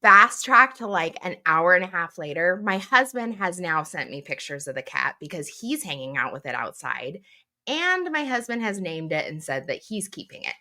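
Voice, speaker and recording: Middle-aged woman, podcast co-host, animated storyteller, bright tone, lowish voice. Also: moderate pace. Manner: animated storyteller, laughs often. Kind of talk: casual chat.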